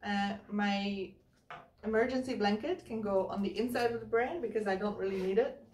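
A woman's voice: mid-range voice, darkish tone, a little hiss or hum. A woman in her thirties casually explaining, step by step, how she packs her hiking backpack while she handles the gear. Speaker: hiking vlogger. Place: living room, indoors. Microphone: camera mic from across the room. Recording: roomy, slightly distant camera sound.

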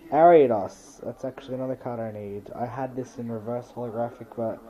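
A man's voice: mid-range voice, steady tone, fast, mellow, lo-fi sound. A man casually commenting as he hosts an unscripted unboxing video, listing items one by one in a matter-of-fact way. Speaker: trading card pack-opening video host. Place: bedroom, indoors.

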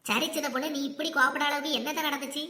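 A woman with a Kanyakumari Tamil accent voicing a concerned woman neighbor in a cartoon comedy, asking quick questions. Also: high voice, steady tone, sharp tone, reverberant. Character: nosy, peacemaking woman neighbor.

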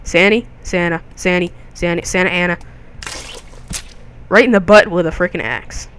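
Excitable young man doing game commentary. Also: high voice, moderate pace, a little hiss or hum. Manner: excitable, jokey, crude outbursts. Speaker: gaming video host. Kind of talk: gameplay commentary.

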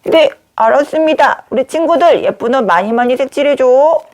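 A woman's voice: high voice, lively intonation, moderate pace, a little mellow, pitched above the performer's own voice. A woman voicing a small, cheerful paper-doll boy who talks in an eager, childlike way for a children's craft lesson.

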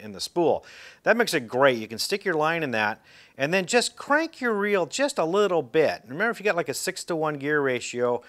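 A fairly high, slightly bright voice comes from a middle-aged fishing instructor seated indoors. He demonstrates a technique casually and folksily, talking loosely with fillers and restarts.

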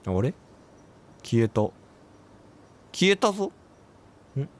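A man with a mid-range voice narrates his gameplay slowly, his pitch swinging widely. He reacts to what happens, throws out quips and exclamations, and talks to himself along the way.

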